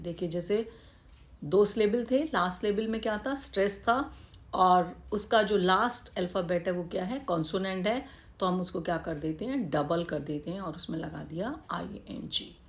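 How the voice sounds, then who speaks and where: Woman, grammar teacher, patient step-by-step explaining, asks and answers her own questions, medium pitch. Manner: spells out English words slowly. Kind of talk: Hindi grammar lesson.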